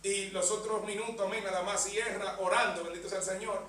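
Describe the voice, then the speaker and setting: High-voiced preacher in an echoey church. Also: male voice, steady tone, brisk, fairly bright tone, a little hiss or hum. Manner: punctuates phrases with amen and bendito sea el Señor. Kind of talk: sermon. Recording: echoey church hall, mic far off.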